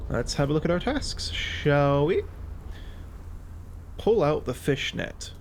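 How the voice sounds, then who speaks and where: A man's voice: fairly high pitch, sing-song, slow, a little hiss or hum. A man giving casual gameplay commentary, narrating his own actions and thinking aloud as he plays. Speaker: gaming video host.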